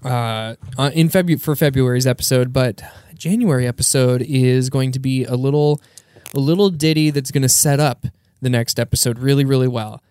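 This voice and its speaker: A man's voice: mid-range voice, fairly even intonation, normal speed, darkish tone, smooth, no echo, clean studio sound. Laid-back man hosting a podcast. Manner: joking, laid-back, uses filler words. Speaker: podcast host. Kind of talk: casual chat.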